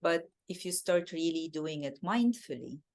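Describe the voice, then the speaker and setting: An Egyptian woman, a native Arabic speaker with an Egyptian Arabic accent, is a guest answering interview questions. She speaks softly and reflectively in a low, expressive voice at a moderate pace. She often repeats words while searching for the right ones.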